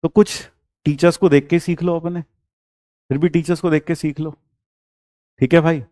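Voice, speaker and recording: A man's voice: fairly high pitch, flat delivery, moderate pace, mellow, no echo, clean studio sound. A middle-aged man, a coaching teacher lecturing students, earnest and fond of repeating his phrases. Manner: teasing sarcasm turning earnest, repeats phrases.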